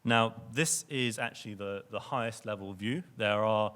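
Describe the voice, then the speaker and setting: A man's voice: lowish voice, normal speed, a bit bright. A young man giving a conference presentation to an audience in a lecture venue, speaking earnestly and often restarting or repeating words.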